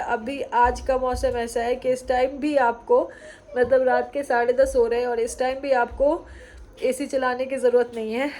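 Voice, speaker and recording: A young woman with a cold and sore throat chats to camera at home at night, vlogging casually. Her high-pitched voice is a little mellow, and she comes across chatty and fond like a mother talking.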